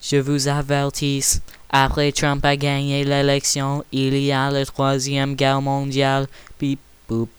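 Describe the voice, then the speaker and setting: A man's voice: mid-range voice, completely flat delivery, slow, clean tone, no echo, pitched below the performer's own voice, lightly acted. A man voicing a doom-saying robot from the future in an amateur comedy sketch, chanting "beep boop" between his lines. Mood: ominous.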